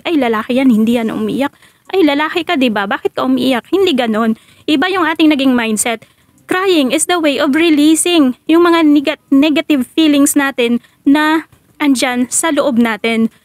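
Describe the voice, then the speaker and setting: A woman's voice: high voice, dry recording. A woman giving casual breakup advice to her viewers. She switches between Tagalog and English, asks rhetorical questions, and laughs between points. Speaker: relationship advice vlogger.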